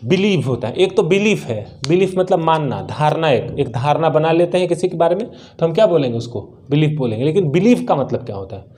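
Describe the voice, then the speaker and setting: In this spoken English lesson delivered in Hindi, a male teacher with an Indian accent speaks in a soft, mellow voice that sits a little high for a man. Animated and brisk with few pauses, he poses questions to his class, answers them himself, and repeats every key word.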